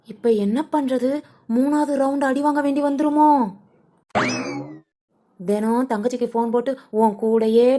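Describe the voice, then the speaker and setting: A gossipy village wife in a cartoon, as a woman voices her. She grumbles and mutters to herself in a high voice, sly and put-upon. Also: warm tone, lightly acted. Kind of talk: cartoon voice acting.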